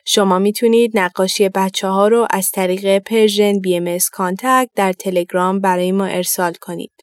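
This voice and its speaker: A woman narrating a children's story and speaking gently and instructively to children and parents. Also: medium pitch, level tone, no room sound, clean studio sound.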